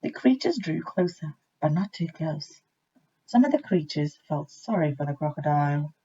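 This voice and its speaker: Woman, children's story narration, very lively intonation, husky tone, lowish pitch, slightly muffled recording. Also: moderate pace. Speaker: teacher reading a storybook aloud.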